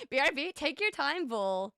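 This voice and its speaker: Her voice is high, bright and forceful, recorded with no echo at studio quality. She's a young British streamer and VTuber artist whose light accent sounds partly American, reading viewer messages in casual live-stream chat. The mood is bubbly, giggly and playfully sassy.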